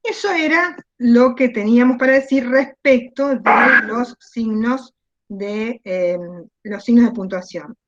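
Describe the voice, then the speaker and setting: Over dull lo-fi video call audio, a woman teacher with an Argentine Spanish accent gives an online class, asking questions and repeating key words. Her voice is fairly high and a little slow.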